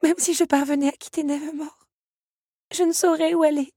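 A woman's voice: sits high, steady tone, fairly quick, dark tone, no room sound, clean studio sound, pitched above the performer's own voice. A woman reading an audiobook and voicing a despairing young woman who pleads and speaks through tears. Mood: tearful.

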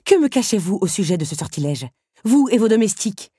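A woman's voice: lively intonation, normal speed, mellow, breathy edge, no echo, clean studio sound. A woman voicing Belle, a stubborn, fiery young woman, in an audiobook reading. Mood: insistent. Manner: pleading and indignant, raised pitch.

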